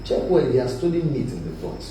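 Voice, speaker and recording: A Nigerian man, a guest on a live panel discussion, talking forcefully and often asking "you understand me?". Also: mid-range voice, big pitch swings, quick pace. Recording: echoey room, mic at a distance, noisy.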